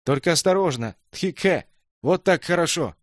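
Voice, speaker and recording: A man voicing a nervous, flustered brother who shouts orders in a panic. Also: fairly high pitch, expressive, normal speed, no room sound, clean studio sound, pitched above the performer's own voice, natural voice. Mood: hysterical. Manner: hysterical shouting, then hushed whispers.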